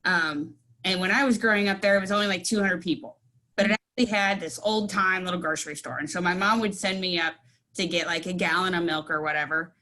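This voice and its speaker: A woman's voice: on the low side, brisk, bright, forceful tone, a little hiss or hum. A woman from central Illinois sharing a childhood story on a video call in a friendly, rambling way, with lots of fillers. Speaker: meeting participant. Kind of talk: casual storytelling.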